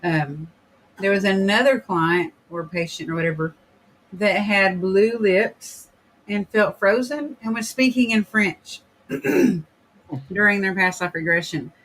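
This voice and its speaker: A man hosting a casual podcast, talking in a rambling way full of fillers and clearing his throat now and then. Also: high-pitched, takes it slowly, a bit bright, low-quality recording. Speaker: podcast host. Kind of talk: casual chat, reading viewer comments.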